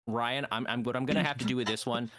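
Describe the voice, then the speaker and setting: A man's voice: mid-range voice, fairly even intonation, fast talker, a bit bright, no room sound, clean studio sound. A man hosting a casual comedy podcast, often laughing and restarting as he directs voice bits. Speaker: podcast host.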